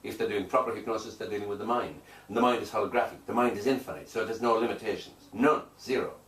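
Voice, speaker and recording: A man's voice: fairly low pitch, steady tone, quick pace, a bit bright. A man working as a hypnotherapist, answering interview questions in an emphatic, declarative way and repeating phrases for weight. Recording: echoey room, distant mic, faint noise.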